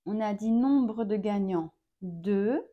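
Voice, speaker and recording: A woman in her thirties, a mother of four, hosting a casual vlog and speaking to camera in a slow, measured way with frequent hesitations. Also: mid-range voice, phone-quality sound.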